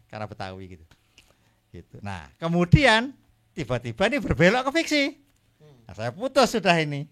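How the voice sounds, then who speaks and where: An older man, an author guest at a book talk, chatting in a relaxed way, laughing often and trailing off his sentences. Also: on the high side.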